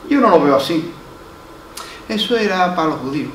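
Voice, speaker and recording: A man's voice: on the high side, animated, normal speed. A man with an Andalusian Spanish accent, a pastor preaching a sermon, telling a story and acting out the voices in it, repeating his key lines for emphasis. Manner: storytelling, acts out quoted voices, emphatic repetition. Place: church hall. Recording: roomy, from far off, faint noise.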